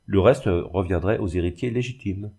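A fussy, pompous old notary, as a man reads him aloud for an audiobook. He lectures with a raised, indignant pitch over a dark, mellow base. The reading stays steady and literary. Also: moderate pace, gravelly, slightly rough, exaggerated voice. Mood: explaining. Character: fussy, pompous older male village notary.

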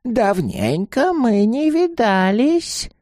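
A man voicing a cool, scheming old woman landlady who talks slowly and sweetly with a threat underneath. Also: very high voice, huge pitch swings, a little mellow, dry recording, studio quality, pitched above the performer's own voice, heavily acted. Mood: sly.

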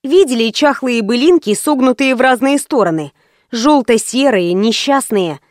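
A woman's voice: a little high, expressive, normal speed, no echo, clean studio sound. A woman narrating a first-person audiobook in a wry, ironic storytelling manner.

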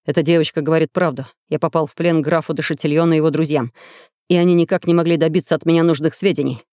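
A storyteller voicing a composed, earnest captive traveller who keeps steady even under threat, recorded dry. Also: male voice, a little high, very fast, no room sound, pitched below the performer's own voice, lightly acted. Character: calm, self-possessed captive male traveller.

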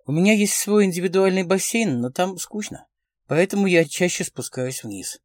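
A man reading the part of a smooth, confident man around forty who speaks in a pleasant baritone, in a dry close recording. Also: moderate pace, no room sound, natural voice. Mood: suave.

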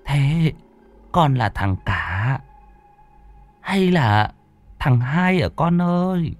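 A man voicing a frail old great-grandfather who speaks slowly and coaxingly. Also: on the high side, sing-song, no room sound, faint music behind, pitched above the performer's own voice, exaggerated voice. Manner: slow, coaxing.

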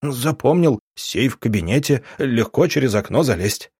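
A man's voice: medium pitch, lively intonation, normal speed, darkish tone, husky, no room sound, studio quality. A man voicing a terrified young detainee who pleads for his life, his voice rising in panic. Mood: frightened.

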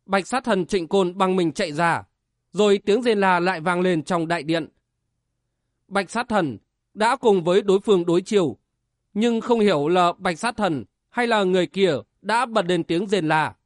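A man's voice: high-pitched, moderate pace, dry recording, clean studio sound. A man narrating a martial-arts novel as an audiobook with vivid, dramatic storytelling.

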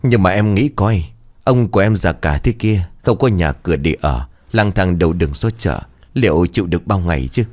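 A man voicing a scheming, lecherous middle-aged landlord who speaks softly and coaxingly. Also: sits low, lively intonation, moderate pace. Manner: soft, coaxing, then hesitant.

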